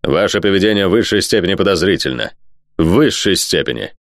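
A cold, scheming nobleman from an audiobook, polished and condescending, as a male narrator plays him. He lectures in smooth sentences that swing widely in pitch, recorded close and dry. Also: lively intonation, brisk, dry recording.

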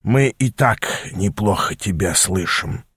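A man voicing an elderly demon archer who talks in a low, chuckling drawl. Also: lively intonation, slow pace, a bit bright, husky, dry recording, studio quality, exaggerated voice. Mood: grumbling.

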